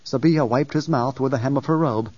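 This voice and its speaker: A man narrating an audiobook in a steady, measured reading. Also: mid-range voice, husky, dry recording. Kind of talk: scripted narration. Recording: dull distant dry recording.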